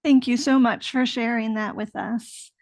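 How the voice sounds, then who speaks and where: A woman's voice: fairly high pitch, steady tone, measured pace, creaky, no echo. A woman moderating a workshop session, thanking speakers and introducing the next ones. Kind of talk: moderating a panel.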